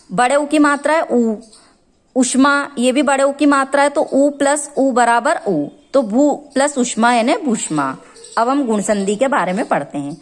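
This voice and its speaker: Slow, high-voiced woman teaching grammar. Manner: explains step by step, asks and answers her own questions. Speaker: school teacher. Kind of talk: grammar lesson.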